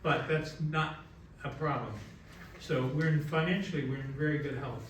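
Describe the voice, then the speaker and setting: A man's voice: on the high side, fairly even intonation, moderate pace, fairly bright tone, slight background noise. A man giving the treasurer's report at a city council meeting in an easygoing manner. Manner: easygoing, with light laughs. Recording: echoey council chamber, distant mic.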